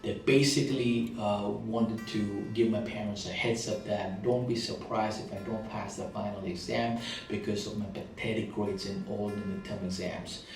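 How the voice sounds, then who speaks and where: A motivational speaker with a thick Indian accent, whose first language isn't English, gives an earnest monologue about his past struggles, repeating phrases for emphasis. His voice is fairly low, with fairly even intonation and a moderate pace, recorded far from the mic in a very echoey room with soft guitar music behind.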